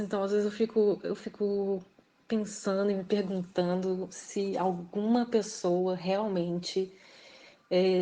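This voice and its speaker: A guest author from Belo Horizonte, Brazil, speaks with a Minas Gerais accent in a casual interview, reflective and hesitant, filling pauses with "assim" and laughing often. Her voice is lowish and mellow, on a low-quality recording.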